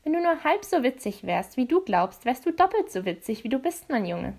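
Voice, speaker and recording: A woman's voice: high-pitched, big pitch swings, a little fast, a little mellow, heavily acted. A woman reading a storybook aloud, voicing a brusque fortune-teller woman who scolds and orders guests about. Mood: bossy. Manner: bossy and scolding.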